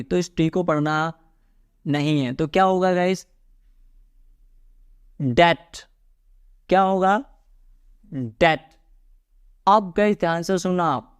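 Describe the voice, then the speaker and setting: A young man with an Indian accent teaching a lively lesson, asking his viewers rhetorical questions and calling them guys. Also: sits high, clean tone. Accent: Indian English. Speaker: English teacher. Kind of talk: classroom lesson.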